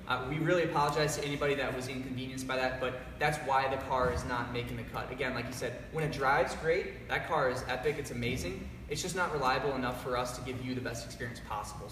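A young guy with a mid-range voice hosts a live-streamed company announcement from a large, echoey indoor garage showroom full of cars. He sounds upbeat and presenter-like, reading out viewer comments. The recording is distant, captured from a camera across the room, with echo and background hiss.

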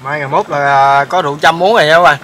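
A man's voice: on the high side, fast, a bit bright, slight background noise. A man with a Southern Vietnamese accent hosting a casual outdoor cooking vlog, chatty and full of hesitation fillers. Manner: chatty, lots of hesitation fillers, laughs easily. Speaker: channel host.

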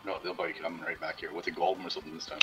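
A man's voice: very deep voice, flat delivery, rapid-fire, fairly bright tone, faint music behind. A man chatting casually while streaming an online game with friends, joking and trying out cartoon impressions. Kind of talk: casual gaming chat.

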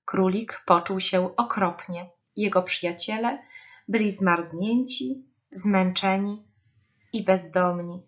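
Woman slowly reading a children's story. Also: medium pitch, highs cut off. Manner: slow, expressive reading.

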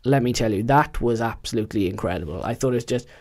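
A young man, chatting casually about football as a podcast co-host, animated and slangy. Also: mid-range voice, fast talker.

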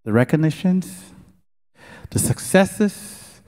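A man's voice: fairly high pitch, lively intonation, slow pace, dark tone. A middle-aged man gives a sermon-style talk at a church lecture concert, leading the audience in call-and-response and stretching out key words with earnest emphasis. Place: large worship hall. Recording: long hall reverb.

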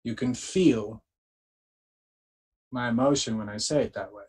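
A man's voice: mid-range voice, measured pace, darkish tone, slightly rough, poor audio. A man leading a spiritual group, instructing listeners and chanting incantations with emphasis, checking in with frequent "okay?".

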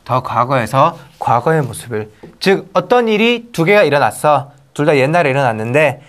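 A man teaching English grammar in an online lecture, firing rhetorical questions at his students, stressing key points in bursts and reading English example sentences slowly and carefully. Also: fairly high pitch, sing-song, fairly bright tone.

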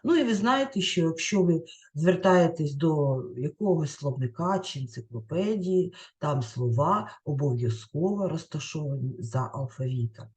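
A woman teaching a recorded lesson over slides, her pitch rising and falling a lot as she explains. She speaks in a clear, carefully enunciated way and reads lists out slowly, word by word. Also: animated, darkish tone.

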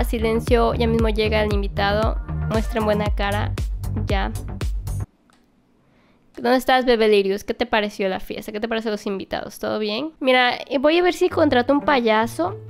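Young woman babysitting her dolls out loud, excited and chatty, kinda high voice. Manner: animated, talks to toys like a babysitter, exclamatory. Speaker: toy play vlogger. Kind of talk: playful narration of doll play.

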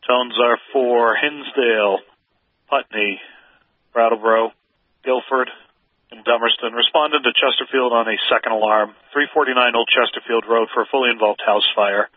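A man working as a fire dispatcher, heard over a two-way radio, calling out alarms in a measured way and repeating each call. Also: mid-range voice, fairly even intonation, no echo. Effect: two-way radio transmission. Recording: narrow dry dispatch radio channel.

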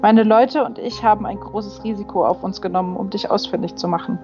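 A woman's voice: medium pitch, a little fast, warm tone, natural voice. A hard, battle-worn female angel used to giving orders, speaking in clipped, urgent commands, as a woman reading an audiobook puts her on. The sound is a little dull, with faint music underneath. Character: stern commanding older female warrior angel.

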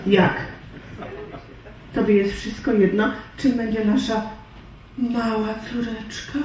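A woman playing a moody, hysterical young wife who imagines she is pregnant, swinging between shrill nagging and soft sulking in a live stage sketch. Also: little pitch movement, slow pace, slight background noise. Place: stage in a hall before an audience. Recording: echoey hall, mic far off, audience laughter.

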